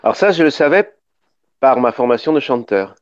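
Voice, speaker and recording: On the radio, a middle-aged documentarian from Paris in northern France explains at length with lively intonation at normal speed, often beginning his sentences again. His voice sits at medium pitch, and the studio sound is dull and dry with no echo.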